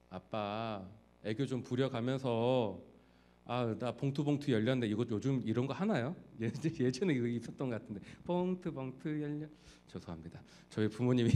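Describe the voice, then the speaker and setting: A male pastor delivers a sermon in a lively, swooping voice that sits a little high for a man. He keeps turning to the congregation with rhetorical questions, animated throughout.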